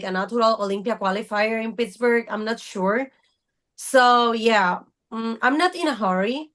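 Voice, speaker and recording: Woman, thirties, podcast guest, earnest, searching for words, unhurried, somewhat high voice. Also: a bit bright. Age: 30s. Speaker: podcast guest, fitness coach. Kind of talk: casual interview talk.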